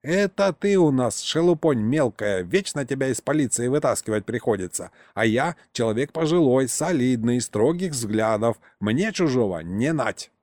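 A man's voice: mid-range voice, animated, moderate pace, hardly any pauses, a little mellow, dry recording, close to an everyday voice. A man doing a crafty folksy old miner. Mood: offended. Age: older. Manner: folksy, rambling storyteller. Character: crafty boastful old retired male miner.

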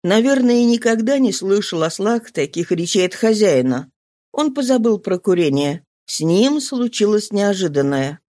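An audiobook narrator giving a dramatic, expressive literary reading. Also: mid-range voice, moderate pace, no room sound, studio quality.

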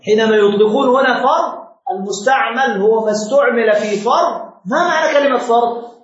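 A man's voice: very high voice, brisk. A man giving a classroom lecture as a religious teacher, quizzing his students with repeated questions. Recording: very echoey room, dull lo-fi sound.

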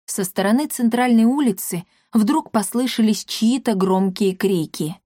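Woman, audiobook narrator, measured and clear, fairly high voice, dry close sound. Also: dark tone, dry recording. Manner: measured storytelling. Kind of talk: scripted narration.

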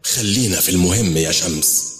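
A man's voice: deep voice, brisk, a bit bright, reverberant, in a large hall. A man with an Egyptian accent voicing a scheming female jinn queen who warns of a rival. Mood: urgent. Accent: Egyptian Arabic.

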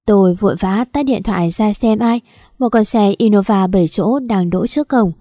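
A woman reads a first-person audiobook story in an even storytelling manner. Her voice is mellow and warm, and the recording is dry and close to the mic. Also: mid-range voice, moderate pace, no room sound. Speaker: audiobook narrator.

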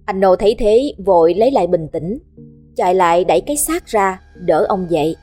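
A woman's voice: fairly low pitch, animated, brisk, warm tone. Woman reading a ghost story. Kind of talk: scripted ghost story narration. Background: faint background music.

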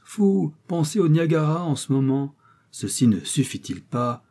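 A man's voice: a little high, expressive, measured pace, warm tone, voice pushed up. A man voicing a rapturous, tender-hearted young woman who speaks in exclamations. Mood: enraptured. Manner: gushing and exclamatory.

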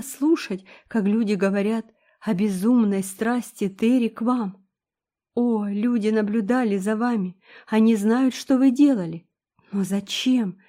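A woman's voice: medium pitch, dark tone, close to an everyday voice. A woman voicing a melodramatic, self-pitying young woman who was jilted, speaking in a gushing, tearful, theatrical way. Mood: hysterical.

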